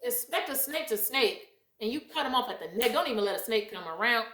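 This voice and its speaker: High animated woman in an echoey room. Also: brisk. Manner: emphatic and preachy, laughs often. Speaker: vlogger giving life advice. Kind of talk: casual motivational monologue.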